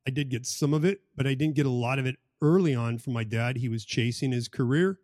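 A man's voice: medium pitch, fairly quick, a little mellow, no room sound, studio quality. A man co-hosting a podcast conversation, making his points emphatically and repeating key phrases for stress. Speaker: podcast co-host.

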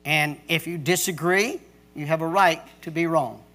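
A middle-aged man preaching a sermon as pastor, emphatic, with pauses and restarts. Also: a little high, sharp tone.

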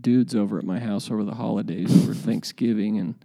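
A man with a relaxed, creaky voice hosts a podcast. He talks casually and hesitantly, musing in loose, informal buddy slang. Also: lowish voice, a little fast. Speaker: podcast host. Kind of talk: casual, rambling podcast talk.

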